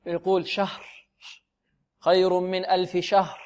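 A man teaching Quran recitation in a radio lesson, asking questions and answering them himself while slowly repeating words to model their pronunciation. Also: high-pitched, completely flat delivery, darkish tone.

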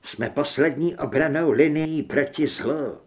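A man's voice: fairly high pitch, husky. Brief: male reader as a stern commander rallying new hunters. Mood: rousing. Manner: rousing, measured, speech-giving. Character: stern male leader addressing recruits.

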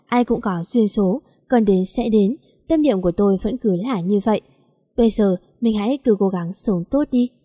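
A woman narrates a story in the first person at a calm, even pace. Her voice is warm and mellow. The recording is dry and close. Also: medium pitch, normal speed, slightly rough, no room sound.

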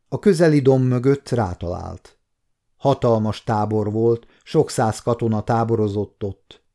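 A man in his fifties reading a historical novel aloud as an audiobook narrator, in a calm, measured storytelling manner. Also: mid-range voice. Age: 50s. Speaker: audiobook reader.

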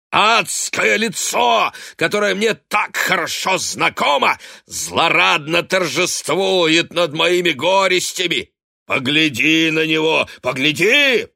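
A man reading the part of a drunk, raging older father who bellows curses and pities himself in a drawn-out howl. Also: sits high, creaky, pushed and bright, no echo, studio quality, voice pushed up, full character voice.

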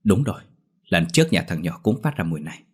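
A man's voice: sits low, very animated, fast, slightly rough, exaggerated voice. A man voicing a wary young man who sees ghosts in a horror audio story, muttering to himself. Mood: uneasy.

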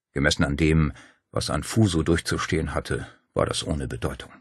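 A man reading a crime novel aloud in a calm, measured narration. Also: low voice, slightly rough, no echo, studio quality. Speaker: audiobook narrator.

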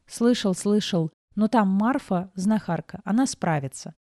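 A woman's voice: mid-range voice, a little slow, darkish tone, dry recording, studio quality, lightly acted. A woman reading the lines of a weary, grumbling elderly male court physician in an audiobook, with a teasing manner. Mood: wry.

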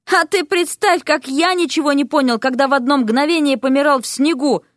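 A woman's voice: high-pitched, brisk, dry recording, studio quality, voice pushed up, natural voice. A woman voicing a young man, a reluctant prince who is weary and evasive, pleading and rambling as he explains.

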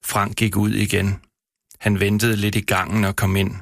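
A man with a low, heavily gravelly voice reads his own prose aloud and then talks about it. When speaking freely he stumbles and repeats words. The studio sound is dry and close. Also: monotone, fairly bright tone, no echo. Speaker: author reading his own work. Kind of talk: reading aloud, then casual radio talk. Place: radio studio.

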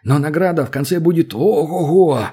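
A man voicing a scheming male imp in an audiobook who fumbles and stalls while spinning a cover story, in a husky voice. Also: fairly high pitch, animated, moderate pace, dark tone. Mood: persuasive. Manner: hesitant, mumbling and stalling. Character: male imp posing as an enchanted prince, scheming.

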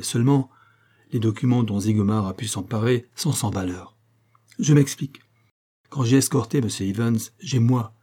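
A man reading the part of a shrewd, composed male detective in an audiobook, speaking in a crisp, assured way. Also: on the low side, dark tone, natural voice. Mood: explaining.

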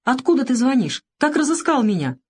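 A woman's voice: high voice, big pitch swings, brisk, darkish tone, pitched above the performer's own voice, exaggerated voice. A woman reading the lines of a curt, angry young man, a former soldier, in an audiobook. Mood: eager. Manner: curt, gruff.

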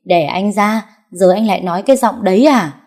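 A woman voicing a domineering, grasping middle-aged mother-in-law who scolds and turns shrill when crossed, in an audio story. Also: moderate pace, warm tone, natural voice. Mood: indignant.

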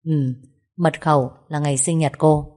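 A woman's voice: low-pitched, steady tone, normal speed, mellow, lightly acted. A woman voicing a cool, curt young husband who speaks in short lines in an audio story. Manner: curt, terse.

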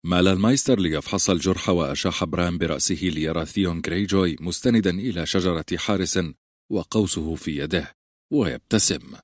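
A man reading a novel aloud as an audiobook narrator, with steady storytelling. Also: sits low, dry recording, clean studio sound. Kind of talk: scripted narration.

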